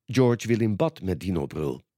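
A man reading a children's storybook aloud in a calm, expressive read-aloud manner. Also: deep voice, moderate pace, no echo, clean studio sound. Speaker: storybook reader.

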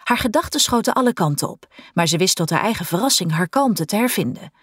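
A woman narrates an audiobook with lively, expressive intonation. Her voice is a little breathy, at middle pitch. The recording is dry and close. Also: quick pace, dry recording. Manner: expressive storytelling.

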